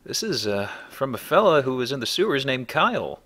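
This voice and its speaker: A man's voice: mid-range voice, sing-song, brisk, sharp tone. A man hosting a let's play with casual, folksy, rambling commentary on the game. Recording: commentary over faint game background noise.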